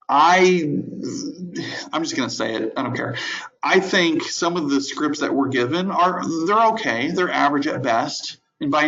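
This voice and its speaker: A man coaching real estate agents in an online training, conversational and animated, often repeating words and laughing. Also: medium pitch. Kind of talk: virtual training lecture. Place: home office at a desk. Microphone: video call. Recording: dull lo-fi audio.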